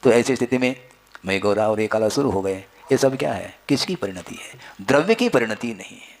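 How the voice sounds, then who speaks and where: A man's voice: fairly low pitch, expressive, brisk. A man giving a spiritual discourse as a wise religious teacher, instructing his listeners with rhetorical questions and repeated phrases.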